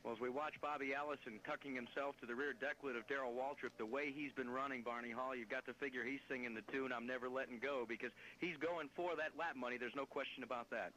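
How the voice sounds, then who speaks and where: A man's voice: medium pitch, fairly even intonation, fast talker, few pauses, sharp tone. An American man, a motorsport commentator calling a stock car race live on radio. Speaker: motorsport commentator, pit announcer. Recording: noisy live radio feed.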